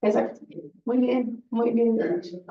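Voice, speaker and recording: Patient teacher in an echoey classroom. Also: female voice, fairly high pitch, flat delivery, slow, gravelly. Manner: patient, encouraging, often praising. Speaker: Spanish grammar teacher. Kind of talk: classroom conjugation drill. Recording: roomy, distant and dull classroom sound.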